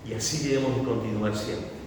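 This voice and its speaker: Predicador andaluz en una iglesia con mucho eco. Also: male voice, fairly low pitch, fairly even intonation, fairly quick, background noise. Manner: conversational, joking, builds to emphatic repetition. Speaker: preacher. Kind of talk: sermon. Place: church hall. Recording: echoey church hall, far from mic.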